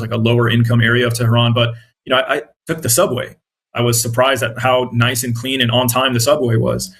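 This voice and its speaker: Medium in pitch and fairly bright, this man's voice carries an American accent. He's an independent journalist and content creator, Iraqi-born and U.S.-raised, appearing as an interview guest and explaining things in an earnest, conversational manner.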